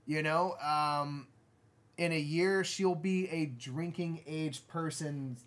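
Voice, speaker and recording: A man in his thirties co-hosting a board game live stream, talking casually in an animated, rambling way and laughing often. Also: fairly high pitch, takes it slowly. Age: 30s.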